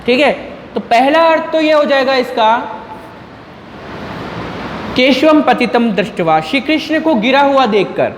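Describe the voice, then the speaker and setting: Slow high-voiced man teaching Sanskrit verses. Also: expressive. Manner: chants Sanskrit verses slowly, repeats each explanation twice. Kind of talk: slow explanatory lesson, reciting verses then explaining. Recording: echoey room with long reverb, faint noise.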